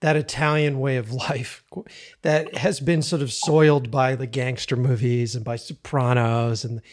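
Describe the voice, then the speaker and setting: A man with a mid-range voice hosts a relaxed chat. He is enthusiastic and informal, leaning on slang and the odd swear word as he responds to his guest. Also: mid-range voice, moderate pace. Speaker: podcast host. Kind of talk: casual chat.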